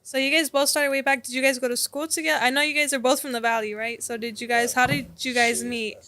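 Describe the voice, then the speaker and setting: Chatty, higher-voiced woman interviewer. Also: steady tone, fast talker, bright, forceful tone, no echo. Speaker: interviewer host. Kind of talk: casual interview.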